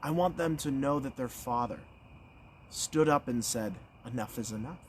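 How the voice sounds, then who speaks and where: A young American man giving a folksy campaign stump speech as a candidate, earnest and emphatic, in short phrases with deliberate pauses. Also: mid-range voice, a little hiss or hum. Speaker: political candidate.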